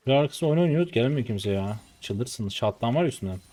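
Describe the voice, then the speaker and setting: A man's voice: mid-range voice, animated, brisk, mellow, faint music behind. Frustrated turkish guy in his 20s streaming a game, muttering and blowing up at his team. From Turkey. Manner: exasperated, frustrated muttering and outbursts. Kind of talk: live gameplay commentary.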